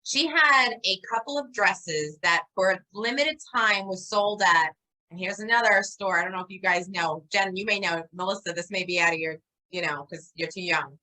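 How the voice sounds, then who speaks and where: Female co-host, 40s, New York accent, bright animated storyteller, laughs easily. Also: mid-range voice, normal speed, rough recording. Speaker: podcast co-host. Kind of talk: casual chat.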